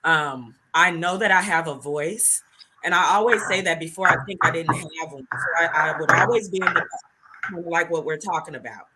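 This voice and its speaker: A woman's voice: low-pitched, moderate pace, very noisy. A middle-aged woman hosting a heartfelt conversation, earnest and reflective, tearing up at times. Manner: earnest, reflective, laughs and tears up. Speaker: host and show creator.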